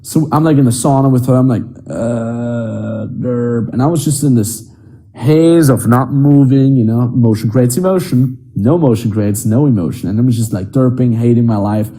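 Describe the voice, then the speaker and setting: A man's voice: medium pitch, fairly quick, dark tone. A man giving blunt, profane dating advice in a casual, emphatic monologue. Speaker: dating coach.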